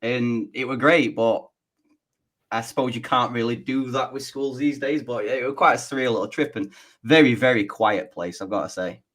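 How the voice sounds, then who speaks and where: Chatty northern English football pundit. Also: male voice, mid-range voice, moderate pace, fairly bright tone. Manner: chatty storyteller, confident opinions. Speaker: podcast co-host. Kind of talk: casual football podcast chat.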